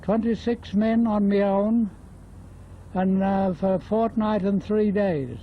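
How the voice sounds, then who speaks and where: A man's voice: high-pitched, steady tone, takes it slowly. An Australian man in his nineties reminiscing in a casual, rambling old man's way, often repeating himself. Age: 90s. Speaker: interviewee, former bush labourer. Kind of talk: casual oral history reminiscence. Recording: dull lo-fi field interview tape.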